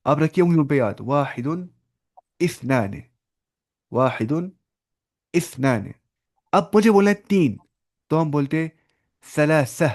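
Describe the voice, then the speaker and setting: A man teaching an online Arabic class, patiently repeating each word slowly for his student over a video call. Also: a little high, lively intonation, darkish tone.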